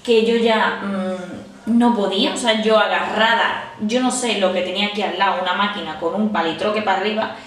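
A woman's voice: mid-range voice, moderate pace, recorded from a distance. Chatty woman in an echoey room. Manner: animated, laughing while recounting. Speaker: vlogger. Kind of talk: casual storytelling to camera.

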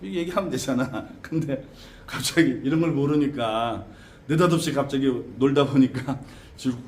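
A man teaching students as a shaman teacher, lecturing in an animated way with frequent tag questions and laughter. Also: mid-range voice, moderate pace. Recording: echoey room with faint background noise.

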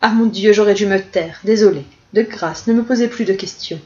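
A woman's voice: medium pitch, a little fast, dark tone, close to an everyday voice. A woman reading a novel aloud, voicing an indiscreet gossiping society woman who confides eagerly, in slightly dull audio. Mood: flustered.

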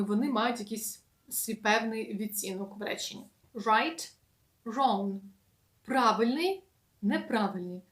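A woman teaching an English lesson in a casual, patient way, slowly repeating words with many fillers. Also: on the high side, echoey room.

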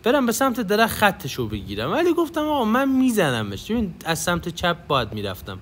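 A man's voice: sits high, wildly swooping pitch. A young man giving casual gameplay commentary as a gaming YouTuber, chatty and coaching viewers on tactics.

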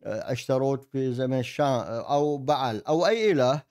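A man. He delivers an explanatory monologue as a host. His phrasing is halting, with repeated words as he searches for the next thought. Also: mid-range voice, a little mellow. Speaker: host, commentator. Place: indoor desk setup with virtual backdrop. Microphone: desk microphone on an arm.

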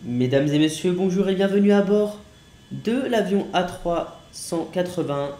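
A man's voice: high voice, lively intonation, unhurried, dark tone, echoey room, pitched above the performer's own voice. A man playing an airline captain who speaks from the cockpit, giving radio calls and formal welcome announcements in a mock-official tone with hesitant fillers. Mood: announcing. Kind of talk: playful role-play during a flight-simulator gameplay video.

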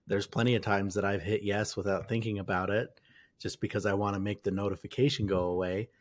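A man's voice: fairly low pitch, fairly even intonation, a little fast. A man co-hosting a podcast, musing loosely about privacy risks in casual chat. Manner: musing, loose, restarts phrases. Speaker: podcast co-host.

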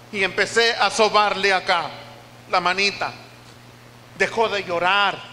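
A man's voice: sits high, sharp tone, slight background noise. An older Costa Rican man preaching, a pastor telling an emotional testimony with repeated phrases in a church. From Costa Rica. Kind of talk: sermon testimony. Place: church hall. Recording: reverberant church hall.

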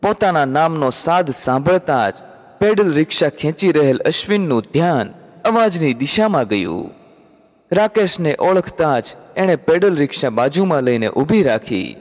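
Male audiobook narrator, measured and expressive, slightly high voice, hall reverb. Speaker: storyteller.

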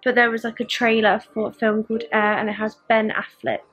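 A young woman vlogs at home in her living room and bedroom, rambling chattily to a camera held at arm's length and saying "um" a lot. Her voice is a little high and fairly bright, fairly quick, with little pitch movement.

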